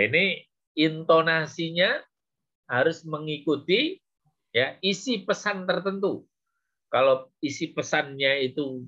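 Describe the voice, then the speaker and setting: Guy teaching a speaking class, slow with lots of little fillers, kinda muffled recording. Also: fairly high pitch, fairly bright tone. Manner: slow, with frequent "ya" and "gitu ya" fillers. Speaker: lecturer. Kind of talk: lecture on public speaking. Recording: dull lo-fi recording.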